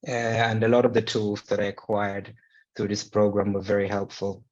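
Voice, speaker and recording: A man's voice: fairly low pitch, monotone, moderate pace, a little mellow, lo-fi sound. A middle-aged man from Sweden speaking as an alumni guest on a video call, hesitant with many fillers. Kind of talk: casual panel answers on video call.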